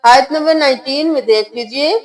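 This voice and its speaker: A woman teaching Quran recitation, spelling out letters and vowel marks, then reciting them slowly in a chanting melody. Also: sits high, faint music behind. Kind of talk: tajweed lesson with recited verses.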